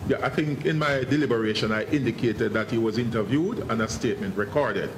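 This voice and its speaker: A senior police investigator addresses a press briefing in a guarded, formal manner, frequently halting and repeating words. His mid-range voice echoes in the room, and the online briefing audio is noisy.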